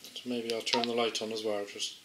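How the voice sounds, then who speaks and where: Here the voice is fairly low and flat, moving a little fast. An amateur tester presents a gadget in an offhand, unrehearsed demo, hesitantly voicing his thoughts in an understated manner. Expect a roomy echo, clicks and faint background noise.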